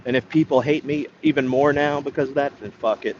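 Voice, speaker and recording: A man's voice: medium pitch, a little fast, darkish tone, highs cut off, a little hiss or hum. A man chatting casually to his livestream viewers, rambling and swearing, with hesitant restarts. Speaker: livestreamer greeting chat.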